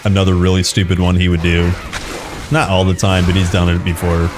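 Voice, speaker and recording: A man's voice: deep voice, completely flat delivery, brisk, noisy background. A man streaming a video game, chatting casually, laughing often and telling jokey family stories. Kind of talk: casual gameplay commentary.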